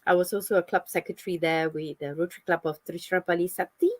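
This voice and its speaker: A woman from Malaysia, speaking a little low with a dry, close sound. She answers a host's questions on a video call in a friendly, fluent way, with the odd light laugh. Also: fairly even intonation, quick pace, no room sound. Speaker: guest, club president.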